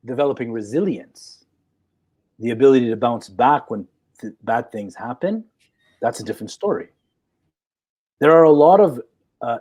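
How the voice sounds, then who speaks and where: A man's voice: mid-range voice, darkish tone. A man in his forties, a psychologist in a live chat, talking assertively and checking in with "okay?" as he explains. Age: 40s. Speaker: guest psychologist.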